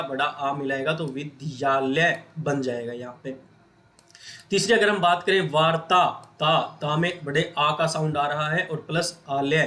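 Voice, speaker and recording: A man's voice: on the high side, bright, forceful tone. A man with a Hindi accent teaching a grammar lesson, asking the viewers questions and answering them himself. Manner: repetitive question-and-answer explaining, addresses viewers as friends.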